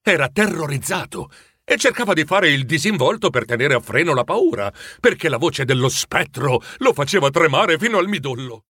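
A man reading a storybook aloud in a lively, expressive way. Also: fairly high pitch, moderate pace, slightly rough, dry recording, studio quality. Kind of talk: storybook narration.

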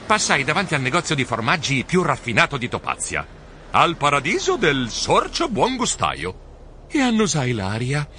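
A man reading a children's storybook aloud in the first person, with animated, expressive delivery. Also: fairly high pitch, moderate pace, a little hiss or hum. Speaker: audiobook narrator.

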